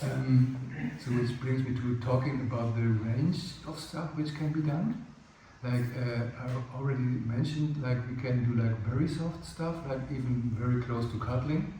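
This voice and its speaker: A playfight workshop instructor whose first language is German casually explains the rules to a group in a large indoor room covered in mats, rambling, using plenty of fillers, and acting out little scenes. His voice is warm, medium-pitched, and at a normal speed. The recording sounds distant and very echoey, with faint background noise.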